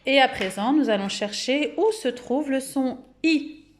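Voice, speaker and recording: A woman with a French accent giving a phonics lesson to young children at home, speaking patiently and clearly and drawing out each word's syllables. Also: high voice, expressive, a little hiss or hum. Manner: slow, clear, patient, syllables drawn out and repeated. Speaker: kindergarten teacher.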